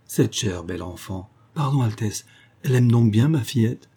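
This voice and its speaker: A man's voice: lowish voice, lively intonation, normal speed, dark tone, slightly rough. Man putting on a gushing old provincial lady. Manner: gushing, eager, repeating herself.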